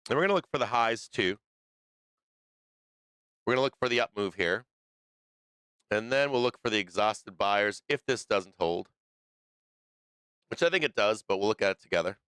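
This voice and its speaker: A stock market stream host talks live over trading charts, thinking aloud loosely with lots of fillers and restarts. His low-pitched voice is bright and crisp but going hoarse, delivered at a moderate pace with long pauses, in close, dry sound with no room or echo.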